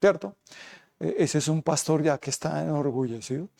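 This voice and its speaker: A man preaching as a pastor, emphatic, pressing his flock with rhetorical questions and moving between quick and slow passages. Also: on the high side, vocal fry, a little mellow. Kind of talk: sermon.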